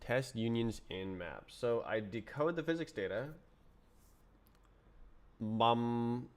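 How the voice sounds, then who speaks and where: At a slow pace and medium pitch, a sick-sounding man thinks aloud while live coding for his stream. The programmer mutters to himself in unfinished bits as he works.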